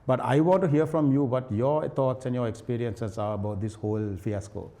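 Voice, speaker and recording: A man's voice: mid-range voice, fairly even intonation, normal speed, dark tone. A man with a Sri Lankan accent hosting a conversational podcast interview in an informal way. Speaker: podcast host. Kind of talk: conversational interview, switches between English and Sinhala.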